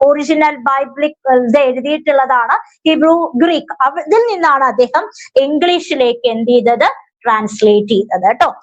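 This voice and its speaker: A woman's voice: high voice, highs cut off. A woman with a Malayali accent teaching an exam revision lesson, asking questions and answering them herself. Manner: stretches words slowly when reading English.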